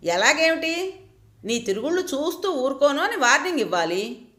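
Indignant, scolding friend, high and lively , as a woman reader puts her on. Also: normal speed. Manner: angry, scolding.

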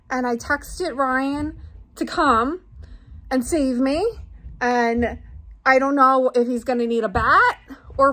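A woman's voice: high-pitched, fairly bright tone. A woman vlogging at home in a frightened, panicky way, repeating herself, gasping and laughing nervously. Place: house interior.

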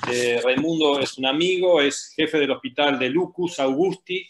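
A man's voice: fairly high pitch, normal speed. Middle-aged man as webinar host, formal welcome, roomy home-office sound. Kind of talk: webinar opening. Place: home office, video call. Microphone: laptop webcam mic. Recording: echoey room.

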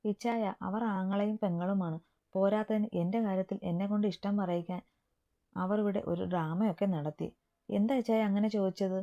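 A woman voicing a timid, soft-spoken young woman, a younger sister, in a dull lo-fi recording. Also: mid-range voice, steady tone, moderate pace, close to an everyday voice. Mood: relieved.

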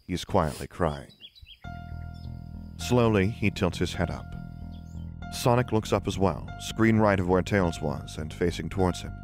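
A man reads out the stage directions of an audio drama in a plain, measured way. His voice sits very low, with faint music underneath. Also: darkish tone. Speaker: narrator. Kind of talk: scripted narration of stage directions.

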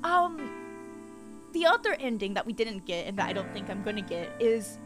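A young woman livestreams herself playing a horror game from a small room at home, chatting casually into a boom-arm mic close to her mouth while wearing a headset. Her medium-pitched voice is sing-song at a normal speed, with music playing in the background.

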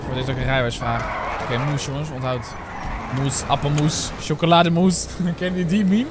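A man's voice: on the high side, steady tone, moderate pace, background noise. A young man in his twenties with a Netherlands Dutch accent, chatting casually and swearing as he streams a roleplay game to viewers. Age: 20s. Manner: chatty, slangy, swears often, talks to viewers.

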